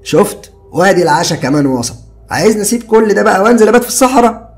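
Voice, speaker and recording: A man's voice: high-pitched, animated, racing, faint music behind, pitched above the performer's own voice. A man putting on a carefree joking young friend. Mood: teasing. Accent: Egyptian Arabic. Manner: easygoing, joking, brushes off worry.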